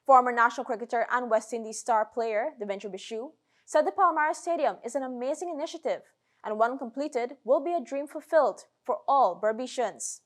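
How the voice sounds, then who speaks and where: A woman with a Guyanese accent delivers a news report in a measured, scripted newsreader style. Her voice sits a little higher than most women's, and she narrates the story steadily.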